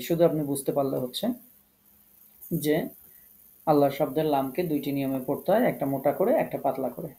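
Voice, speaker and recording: A man with a Bangladeshi Bengali accent teaching Quran recitation rules in an online lesson, explaining patiently step by step, repeating each rule and slowing down to model the recitation. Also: on the high side, creaky, mellow.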